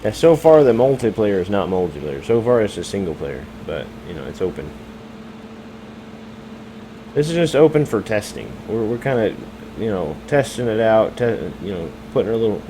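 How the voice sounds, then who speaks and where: Young American male streamer, mellow low voice, loose and rambling, hums of a fan under him. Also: expressive, normal speed, a little hiss or hum, rough recording. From United States. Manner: rambling, hesitant, lots of fillers and self-corrections. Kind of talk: casual live-stream chat with chat readers.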